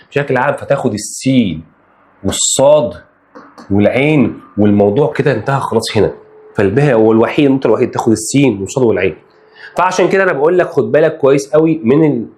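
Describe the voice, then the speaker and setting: A man with an Egyptian Arabic accent teaching a math lesson for exam prep, addressing students directly and repeating key points. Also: medium pitch. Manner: animated, talks straight to students, repeats key phrases.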